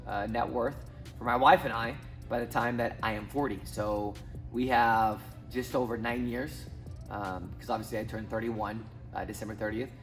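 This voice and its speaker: A man's voice: lowish voice, steady tone, moderate pace, soft background music. A man in his thirties from Southwest Missouri, talking casually to camera as a finance YouTuber, rambling with many ums and restarts. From Southwest Missouri, USA. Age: 30s. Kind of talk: casual talking-head vlog.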